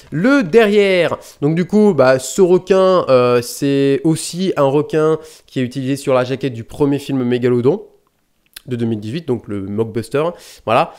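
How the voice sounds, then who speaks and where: A man's voice: fairly high pitch, a little mellow, clean tone. A man hosting a casual unboxing vlog, rambling and chatty, swearing lightly and often correcting himself as he talks into a close desk mic. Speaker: YouTube DVD collector host.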